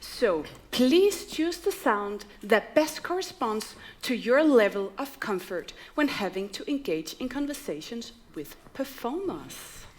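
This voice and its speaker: An actress playing an eager, overly polite call-centre worker running a phone survey on stage. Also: female voice, a little high, very animated, measured pace, few pauses. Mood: cheery. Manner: bright, eager customer-service politeness. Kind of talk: live music-theatre acting. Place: theatre stage.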